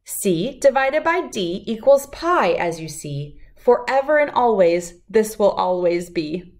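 The voice belongs to a middle-aged woman who hosts read-alouds for children, here reciting a rhyming picture book. Her mid-range tone is expressive and lilting, and she reads deliberately.

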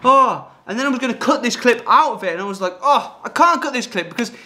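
A man's voice: very high-pitched, expressive, quick pace, pushed and bright. Chatty young man in an echoey kitchen. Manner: chatty, upbeat, talking to camera while cooking. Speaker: fitness vlogger. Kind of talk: casual how-to vlog. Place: small home kitchen. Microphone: camera mic from across the room. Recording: echoey kitchen with clear background noise.

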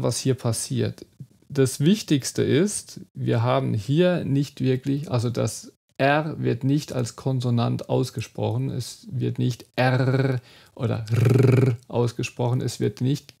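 A man gives an online German lesson, working through pronunciation step by step. He talks slowly and demonstrates each sound with care. His voice carries a noticeable gravelly fry. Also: mid-range voice, steady tone, mellow. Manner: slow, careful demonstration of sounds. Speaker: German teacher.

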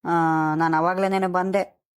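Low, flat-toned village boy voiced by a woman, cartoon. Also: moderate pace, close to an everyday voice. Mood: coaxing. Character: easygoing village boy who suggests games. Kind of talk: cartoon voice acting.

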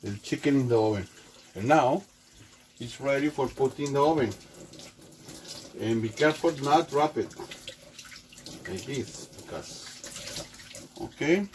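A man's voice: mid-range voice, lively intonation, darkish tone, low-quality recording. Man cooking in a humming kitchen. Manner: halting non-native English with many restarts. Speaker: home cook. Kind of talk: casual cooking demonstration. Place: small home kitchen, indoors. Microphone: camera mic across the kitchen. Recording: home kitchen with clear background hum.

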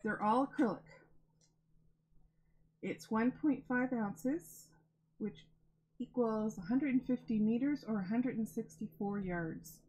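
A woman's voice: on the high side, slow, pauses often, a little mellow, breathy edge, low-quality recording. A woman hosting a crafting vlog, unboxing donated yarn in a gushing, emotional, chatty way, close to tears. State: near tears. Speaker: crafting channel host.

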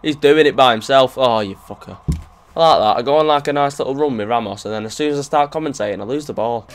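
A young man commentating his football video game in an excitable, jokey way, swearing often and breaking into sudden shouts. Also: mid-range voice, fast talker. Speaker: gaming youtuber.

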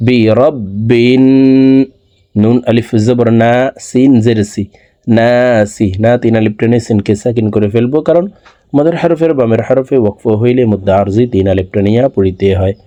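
A man teaching Quran recitation, spelling out syllables slowly and chanting verses high and drawn out. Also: warm tone, no room sound. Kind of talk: slow spelled-out recitation lesson.

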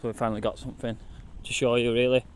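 A man's voice: medium pitch, level tone, very fast, slight background noise. A man, talking casually and rambling as he walks a countryside footpath filming on his phone. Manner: rambling, matter-of-fact, swears casually. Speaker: paranormal explorer vlogger. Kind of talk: casual walking vlog commentary. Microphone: phone held at arm's length.

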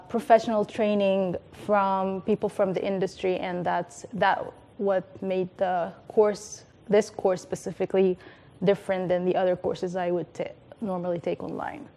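Young woman from egypt, mid-pitch voice, earnest student testimonial, some uhs. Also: a little mellow. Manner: earnest, with hesitations. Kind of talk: casual testimonial. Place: indoor studio.

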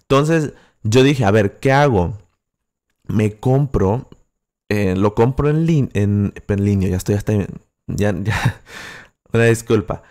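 His voice sits on the low side, darkish in tone, and he takes his time. He's a young man from Acapulco with a coastal Guerrero Mexican accent, hosting a livestream and casually answering chat near the microphone with many fillers and restarts.

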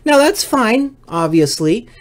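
A middle-aged man hosting a livestream tells a comic story, exasperated and swearing freely. His voice is very high and slow, with big swings in pitch, in a comedic storytelling monologue.

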